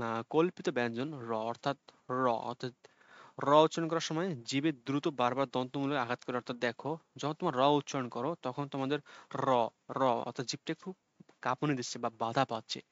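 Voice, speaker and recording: A man teaching an online exam-prep lesson, explaining patiently and repeating sounds slowly for students to copy. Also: medium pitch, dry recording, lo-fi sound.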